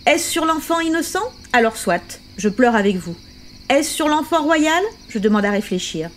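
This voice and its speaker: A woman's voice: high-pitched, lively intonation, normal speed. Dying old revolutionary man read by a woman, bitter, impassioned, accusing, audiobook, faintly noisy.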